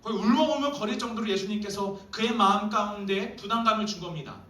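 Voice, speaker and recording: High bright guy preaching to teens in an echoey church hall, kinda far from the mic. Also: quick pace. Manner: lively, acts out quoted dialogue. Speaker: youth pastor. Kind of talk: sermon to youth group.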